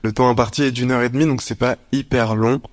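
Male, eighteen, mid-pitched volunteer addressing a discussion group informally. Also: steady tone, quick pace. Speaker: civic service volunteer, note-taker.

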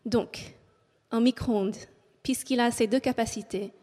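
Her voice a little high, steady and dark, and a little slow, a woman from English Canada reads a French talk from notes to an auditorium audience. She hesitates often with fillers, her English Canadian accent comes through, and the recording has a long hall reverb.

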